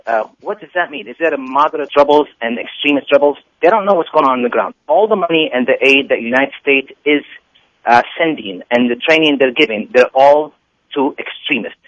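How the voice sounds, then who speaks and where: A man's voice: medium pitch, expressive, fairly quick, fairly bright tone, no echo. Insistent man on a muffled phone line. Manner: insistent, many fillers and restarts. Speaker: activist guest on a call-in. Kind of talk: phone interview, argumentative commentary.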